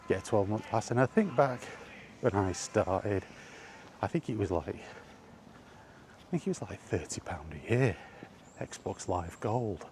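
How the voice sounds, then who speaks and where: Fairly low in pitch and a little mellow, this British man's voice carries a casual, rambling vlog as he walks in a park. He's hesitant and slightly grumbling, with noisy outdoor ambience behind him.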